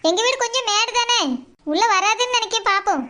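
A woman voicing a calm, comforting village mother with a Tirunelveli Tamil accent. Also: very high-pitched, brisk. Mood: reassuring. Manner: soothing, reassuring. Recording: loud hiss behind voice.

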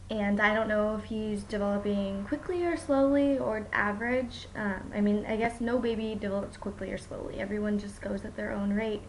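A young mom vlogger with a mid-range voice gives a casual home video update about her toddler. Tired after a poor night's sleep, she chats and rambles with many ums, and there's a little hiss or hum.

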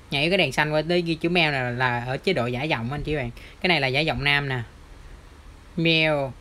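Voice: mid-range voice, fairly bright tone, a little hiss or hum. An audio shop presenter with a Southern Vietnamese accent, walking viewers through a device demo step by step in a chatty, pointing manner. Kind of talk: product demo tutorial.

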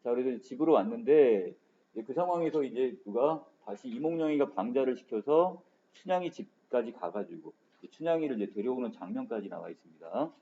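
A man's voice: medium pitch, expressive, a little fast, mellow, a little hiss or hum. A male literature teacher giving an online exam-prep lecture in a casual manner, starting sentences with frequent filler words, in a dull lo-fi recording.

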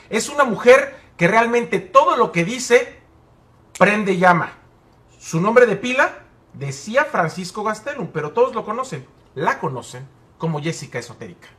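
A man's voice: sits high, big pitch swings, normal speed, bright, forceful tone. A man hosting a TV interview show, introducing his guest theatrically and addressing her affectionately.

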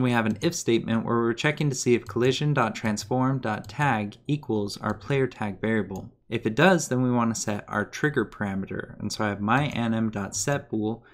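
A man giving a methodical step-by-step game development tutorial as a voice-over. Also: medium pitch. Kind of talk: screen-recorded coding tutorial.

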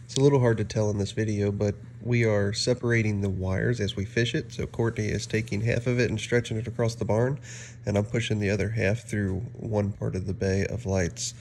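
A man giving a clear voice-over explanation of a wiring task. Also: fairly low pitch, flat delivery, a little fast, a little mellow, slight background noise. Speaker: DIY builder explaining the job.

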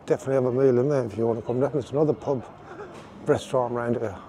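A man giving a casual outdoor walking tour, relaxed and rambling with fillers. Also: medium pitch, rapid-fire, background noise. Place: outdoors on town streets.

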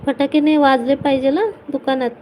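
A woman's voice: high-pitched, steady tone, fairly quick, dark tone, slight background noise, rough recording. A woman hosting a casual live stream, greeting viewers by name and teasing them playfully.

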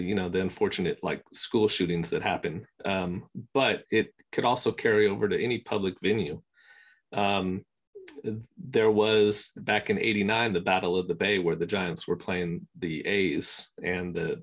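A man talks in a low, deep voice over a video call. He rambles in a relaxed, casual way, filling his speech with ums and you knows. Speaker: interview guest, scanning service provider. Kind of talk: casual conversation.

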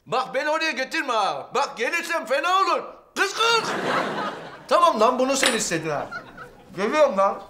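An actor playing a hot-tempered comic husband who barks orders and blusters in sitcom acting. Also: male voice, extremely high pitch, very animated, normal speed, a little hiss or hum, full character voice. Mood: grumbling. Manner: blustering, bossy, panics into yelling.

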